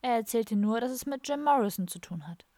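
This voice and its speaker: A woman's voice: fairly high pitch, animated, fairly quick, warm tone, no echo, natural voice. Curious idealistic hippie man, read by a woman; dry, close audiobook voice.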